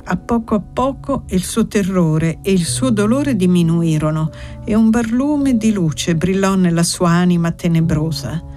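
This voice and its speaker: A woman narrating a novel aloud in a measured, dramatic reading style. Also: lowish voice, warm tone, soft background music. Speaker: audiobook narrator. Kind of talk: scripted narration.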